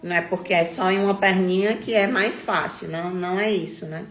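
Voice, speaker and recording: A woman, a mother, slowly and gently explaining her child's condition. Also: fairly low pitch, fairly even intonation. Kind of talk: personal testimony on a livestream. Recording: echoey room with noise behind.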